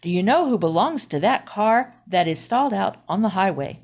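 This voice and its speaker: A woman voicing a stern male small-town police officer who speaks slowly and deliberately. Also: medium pitch, animated, dull audio.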